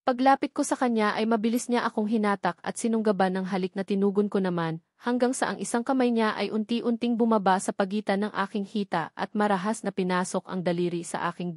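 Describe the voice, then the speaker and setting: A woman with a Filipino accent narrates an audio novel, reading a scripted first-person story. Her mid-range voice is a little mellow, recorded dry at studio quality.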